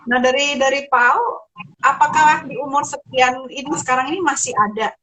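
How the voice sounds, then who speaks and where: A woman's voice: high-pitched, moderate pace, sharp tone, rough recording. A woman interviewing a guest, asking polite questions and encouraging him with frequent small acknowledgements.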